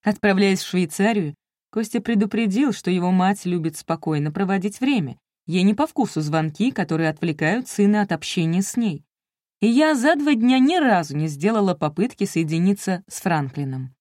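A woman's voice: medium pitch, expressive, normal speed, darkish tone, no room sound, clean studio sound. A woman reading a first-person audiobook with wry, self-ironic storytelling. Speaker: audiobook narrator.

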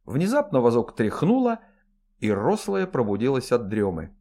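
Expressive male audiobook narrator. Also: mid-range voice, moderate pace. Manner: lively, expressive reading.

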